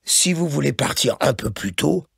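A blustering, fussy office boss, as a male reader puts him on, scolding in a raised, lively voice that swings up and down. The tone is gravelly and husky, recorded close and dry for an audiobook. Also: medium pitch, no echo, exaggerated voice. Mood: bossy. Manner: chiding, repeats "hein", quick and emphatic.

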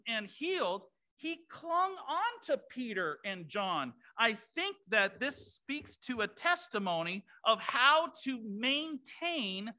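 A man's voice: very high-pitched, bright, forceful tone. A male pastor preaching a sermon to his congregation in a conversational way, with asides to the room. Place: church sanctuary.

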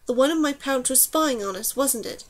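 A woman voicing a weary teenage girl archer who speaks in a soft, hushed, tired way. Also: high-pitched, normal speed, lightly acted. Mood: wry scolding.

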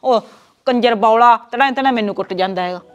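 A woman with a slightly high voice speaks a little fast, lightly acting the part of a bossy older mother-in-law in a village family, scolding bluntly in a Punjabi village accent. The lo-fi recording has soft music in the background.

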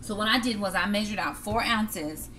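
A middle-aged cooking vlogger chats easily with her viewers, calling them "y'all" as she narrates a home-cooked meal. Her ordinary-pitched voice is pushed and bright at a moderate pace, picked up by a camera on the kitchen counter amid clear clatter of pans, dishes and cutlery, with slight background noise.

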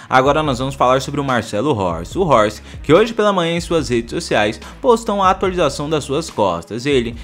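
A man narrating sports news in a scripted, energetic style and addressing the viewers directly. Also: on the high side. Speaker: news presenter. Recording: voice-over with background music.

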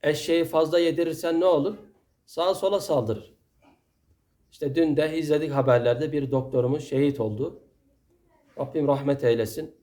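A man's voice: fairly high pitch, steady tone, normal speed, pauses often, warm tone. A man giving a Friday sermon in an earnest, admonishing way, full of rhetorical questions, with a Turkish accent. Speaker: preacher.

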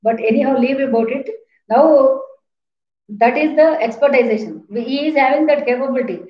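A woman in her fifties with an Indian accent teaches an online class in a high voice at a moderate pace, repeating points and putting questions to students. She sits in a small, plain room, picked up from a distance by a webcam or laptop mic that sounds roomy, echoey and dull.

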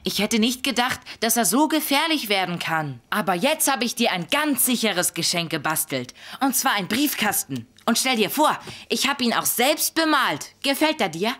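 A woman's voice: fairly high pitch, sing-song, normal speed, fairly bright tone, no echo. A woman voicing an earnest, eager young boy in a children's cartoon dub. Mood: relieved, affectionate. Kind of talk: animated children's cartoon dubbing.

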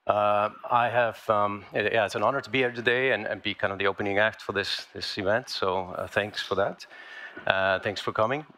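Man presenting at a conference, low-pitched and sharp-toned, halting delivery. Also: steady tone. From Iceland. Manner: halting, many fillers and restarts. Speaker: inventor giving a talk. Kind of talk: conference talk. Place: large lecture hall, on stage.

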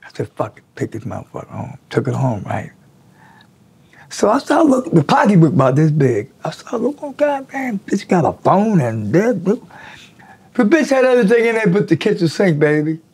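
A man's voice: sits high, moderate pace, vocal fry, husky. A man in his sixties, seated in an indoor studio, telling stories in a casual, profane way and acting out the voices of the people he quotes. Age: 60s. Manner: animated, profane storyteller who acts out quotes. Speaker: interviewee. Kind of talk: casual storytelling interview. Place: indoor studio in front of a draped backdrop.

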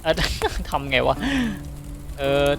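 A man's voice: takes it slowly, soft background music. A man hosting his gaming channel, muttering and joking to himself through casual gameplay commentary.

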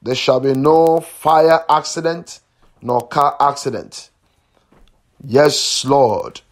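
Heard through a phone or call line, a man with a medium-pitched voice and slow pace leads a prayer line as a pastor. His prayer is fervent, repetitive, chanting and commanding, with passages of speaking in tongues.

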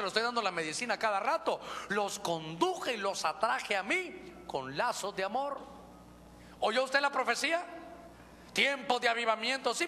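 A male pastor with a Honduran accent, preaching a lively, joking sermon and calling listeners brother. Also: sits high. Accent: Honduran Spanish. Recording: reverberant church hall, faint noise.

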